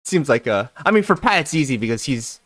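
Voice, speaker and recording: A man's voice: medium pitch, big pitch swings, fairly quick, a bit bright, no echo, studio quality. A male podcast co-host chatting casually, hesitant and searching for words. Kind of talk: casual chat.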